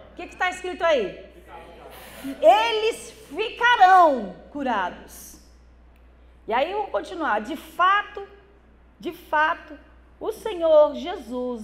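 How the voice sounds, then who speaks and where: In a church hall, a middle-aged Brazilian woman with a Minas Gerais accent of Portuguese preaches a sermon in a high voice. She builds to loud, fervent exhortation, drawing out words for emphasis.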